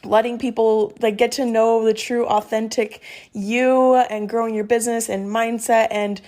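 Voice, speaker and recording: A woman's voice: a little high, little pitch movement, moderate pace, darkish tone. Bubbly, upbeat woman podcast host. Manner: bubbly, upbeat, filler-heavy with "like" and "um". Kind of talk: casual podcast chat.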